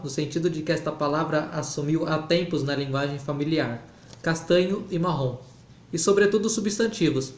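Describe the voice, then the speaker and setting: Man, careful halting read-aloud, raised pitch, roomy echo. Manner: slow, halting reading with restarts. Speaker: reader of an academic text. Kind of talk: slow read-aloud of an academic text. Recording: echoey room.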